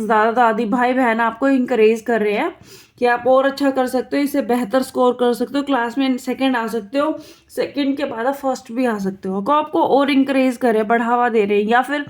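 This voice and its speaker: A woman teaching English vocabulary for exam prep, explaining in Hindi with English terms and drilling words by repeating them in pairs. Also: fairly high pitch.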